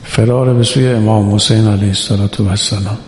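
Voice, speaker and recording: A man preaching a religious sermon who urges his listeners on and slowly chants quoted scripture. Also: on the low side, steady tone, darkish tone, a little hiss or hum. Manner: exhorting, quotes Arabic scripture in slow chant. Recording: echoey hall reverb.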